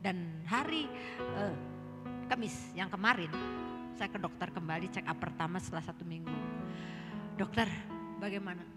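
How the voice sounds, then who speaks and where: A woman's voice: on the low side, lively intonation, moderate pace, pauses often. A middle-aged woman with a Sundanese accent, telling her personal testimony in church and often addressing the listeners directly. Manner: storytelling, keeps addressing listeners as brothers and sisters. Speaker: church member giving testimony. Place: church hall. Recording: echoey hall with guitar music behind.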